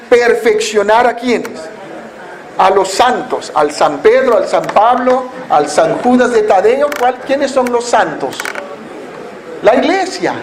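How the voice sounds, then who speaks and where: High-voiced man preaching a Sunday sermon. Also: reverberant, a little hiss or hum, poor audio. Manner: asks the congregation questions and answers them himself; acts out foolish attitudes in mocking voices. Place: church hall.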